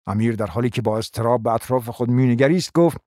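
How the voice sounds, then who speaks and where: A man narrating a radio play with an even, storytelling delivery. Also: medium pitch, no echo, clean studio sound. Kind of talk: scripted narration.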